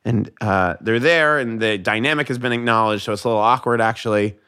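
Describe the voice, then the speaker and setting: An American man, a comedian guest on a podcast, telling jokes in casual chat and doing quick voices for the people in them. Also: mid-range voice, clean tone. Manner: animated storyteller, voices joke characters.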